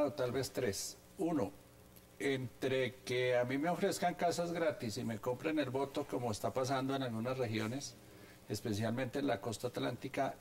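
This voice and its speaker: A man's voice: mid-range voice, gravelly, a little hiss or hum. A man, a commentator in a televised debate who lays out his points in order. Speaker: political commentator.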